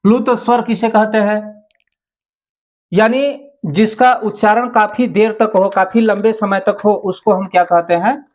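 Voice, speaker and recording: Man teaching a grammar class, slow deliberate pace, repeats terms, rhetorical questions. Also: high voice, steady tone. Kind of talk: exam-prep Hindi grammar lesson.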